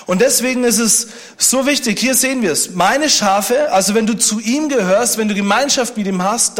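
A man preaching a sermon, speaking conversationally and joking with the congregation. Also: high voice. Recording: long hall reverb.

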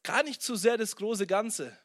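High-voiced young man preaching. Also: a little slow. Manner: lively preaching, acts out his own past complaints, repeats key phrases. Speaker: pastor. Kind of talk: sermon.

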